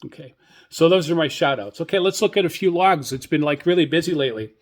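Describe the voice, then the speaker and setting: Running a laid-back one-man radio show on a hobby, he talks excitedly, with hesitant, meandering phrasing and lots of repetition. His voice runs fairly high.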